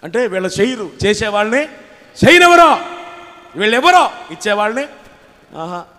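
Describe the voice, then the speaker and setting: A man's voice: sits high, expressive, fairly quick, a bit bright. A man preaching a sermon as pastor, firing rhetorical questions and calling on the congregation to repeat phrases after him. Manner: call-and-response preaching, asks congregation to repeat; rhetorical questions, rising intensity. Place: church hall. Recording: reverberant church hall.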